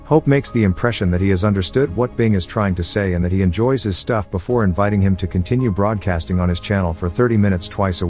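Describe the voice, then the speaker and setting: Low-voiced man narrating a movie recap. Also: darkish tone. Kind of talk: scripted narration.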